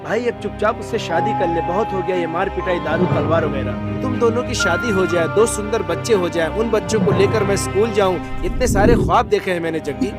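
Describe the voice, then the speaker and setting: A man's voice: high-pitched, fairly quick, hardly any pauses, close to an everyday voice. A man playing a devoted pleading sidekick. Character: devoted male sidekick friend. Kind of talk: Hindi film dub. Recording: film dub with loud music.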